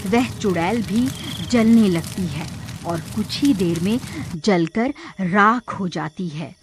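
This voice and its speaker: A woman narrating a cartoon horror story in a slow, deliberate scripted style. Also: mid-range voice, background noise.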